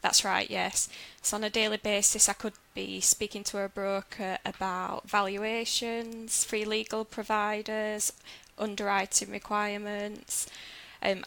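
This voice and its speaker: A woman with a Yorkshire accent answers podcast questions in a friendly, matter-of-fact way. Her voice is bright and clear on top, with a gravelly edge underneath. She speaks at a middling pitch. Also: poor audio. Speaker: guest, business development manager at a lender.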